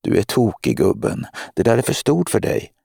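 A man voicing a calm, soothing young mother in an audiobook. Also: lowish voice, creaky, husky, no echo, studio quality, full character voice. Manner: soothing, soft.

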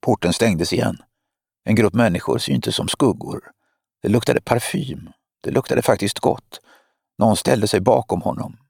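Male audiobook narrator, steady and measured, gravelly voice, dry close recording. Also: on the low side, no room sound. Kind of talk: scripted narration.

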